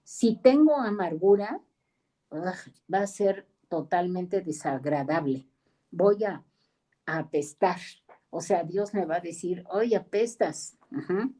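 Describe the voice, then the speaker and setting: A woman's voice: fairly low pitch, lively intonation, slow, mellow. A woman preaching a sermon, telling stories in a conversational way and acting out the dialogue.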